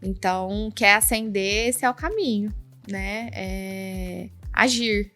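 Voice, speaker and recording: A woman's voice: medium pitch, takes it slowly, fairly bright tone. Brazilian woman chatting on a podcast, slightly lispy speech, encouraging, music playing under her. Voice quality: slight lisp from a tongue-tie. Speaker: podcast guest. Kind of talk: casual podcast conversation.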